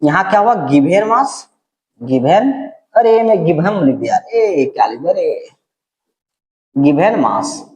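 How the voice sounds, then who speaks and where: A man's voice: high-pitched, big pitch swings, slow pace, long pauses, roomy sound, rough recording. A middle-aged male teacher giving a chemistry lecture, talking casually and keeping his voice down at night. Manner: casual, keeps checking in with "ठीक है"; speaking softly, holding his voice down. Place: room at night.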